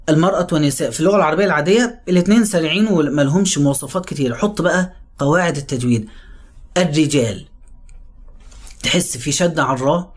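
A man with an Egyptian accent explaining how to read the Quran, talking quickly and then slowly drawing out the example words. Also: fairly high pitch. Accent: Egyptian Arabic. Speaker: religious teacher. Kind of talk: explanatory talk on Quran recitation.

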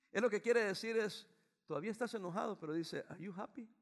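An older man, a pastor, preaching a sermon that swings from loud exclamations down to quiet low passages. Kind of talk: bilingual sermon.

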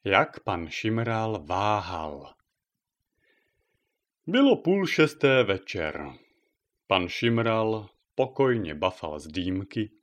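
A male storyteller reading a story aloud with a lively, animated voice that rises and falls a lot. His delivery is expressive and scripted. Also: on the low side. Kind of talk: scripted narration.

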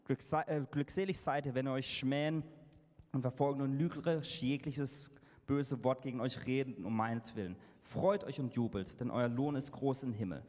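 A man interpreting a sermon live into German, halting and correcting himself as he goes. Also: medium pitch, darkish tone. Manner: halting, with fillers and self-corrections. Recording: reverberant hall sound.

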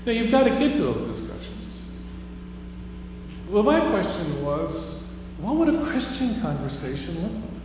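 This is a chapel talk by a Houston, Texas man, conversational in style and full of stories, rising to emphatic questions for a live audience. He has a slightly high, sing-song voice and keeps a measured pace. Heard from far off in an echoey hall, the sound is dull and carries a hum.

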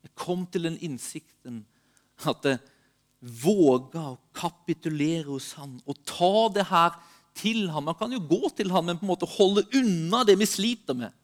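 A man giving a sermon with personal testimony, moving between urgent emphasis and hushed, slow passages. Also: on the high side, animated. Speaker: preacher.

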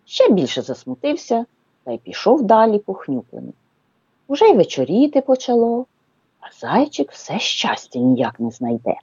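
Expressive woman reading a children's tale. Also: medium pitch, normal speed, husky, no room sound, dull audio. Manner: expressive storyteller. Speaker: children's book reader, guest. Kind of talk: reading a children's story aloud.

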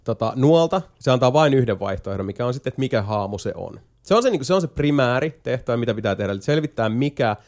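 This podcast host, a man of ordinary middle pitch, talks through a game in a loose, rambling style with few pauses, though he often hesitates with fillers. Jokey asides pop up throughout his lively, casual storytelling.

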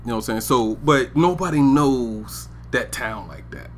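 This podcast co-host from Georgia, USA, rambles through a casual chat in a mid-range, animated voice at normal speed. He's laid-back and full of slang, constantly tossing in "you know what I'm saying." There's a little hiss or hum on the recording.

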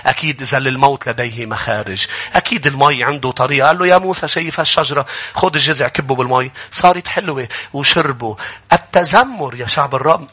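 A man with a Lebanese accent, a pastor delivering an animated sermon and acting out grumbling people. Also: mid-range voice, fast, breathy edge.

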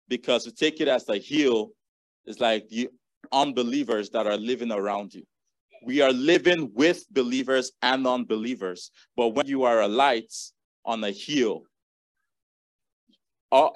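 A man's voice: medium pitch, dry recording. Man preaching an earnest sermon. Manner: earnest preaching, reading and repeating scripture verses.

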